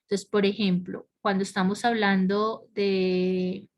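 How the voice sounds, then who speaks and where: Slow-paced woman teaching grammar online. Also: medium pitch, level tone, dull audio. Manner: explains step by step, checks understanding with frequent questions. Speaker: English teacher.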